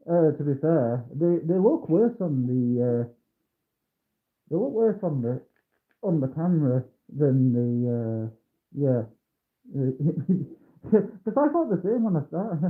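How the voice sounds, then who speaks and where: A man livestreaming while building a kit, his voice muffled as though through a mask or a wall, mumbling and humming to himself. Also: a little high. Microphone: phone mic. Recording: tinny muffled phone audio.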